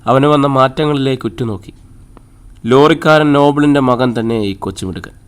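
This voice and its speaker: A man reading a novel aloud as an audiobook narrator, in a calm, measured storytelling manner. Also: medium pitch, clear, resonant tone. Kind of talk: scripted narration.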